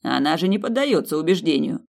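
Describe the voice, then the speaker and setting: Vain high demon man, pompous and easily offended, as the narrator puts him on. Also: lively intonation, fairly quick, vocal fry. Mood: indignant. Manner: indignant and pompous. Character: proud male high demon, vain genius.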